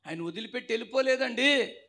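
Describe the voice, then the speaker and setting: Man preaching, high voice with gravel in it, tells stories animated. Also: quick pace. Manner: animated storytelling, acts out voices. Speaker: pastor. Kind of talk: sermon.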